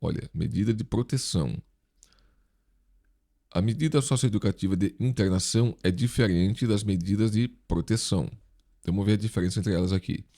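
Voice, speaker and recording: This is an online video host and instructor from Brazil, speaking a little fast with a fairly low, mellow voice. He's teaching an informal exam review lesson, and his articulation is slightly impeded by a dental retainer.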